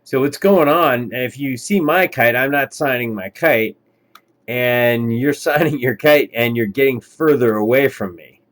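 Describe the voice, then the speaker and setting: A man's voice: medium pitch, slight background noise. Easygoing man coaching a kiteboarder. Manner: easygoing, encouraging, halting with fillers. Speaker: kiteboarding instructor. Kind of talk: coaching commentary over lesson footage.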